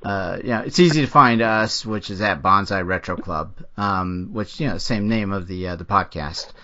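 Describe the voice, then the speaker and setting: A man co-hosting a podcast in casual chat, rambling and self-deprecating, with lots of halting fillers. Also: low voice, sharp tone, highs cut off. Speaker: podcast co-host.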